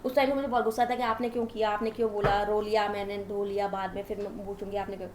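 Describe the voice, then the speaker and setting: A woman guest in a casual interview, talking a lot and telling animated stories about her marriage. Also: mid-range voice, fast talker, echoey room, a little hiss or hum. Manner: talkative, animated storytelling.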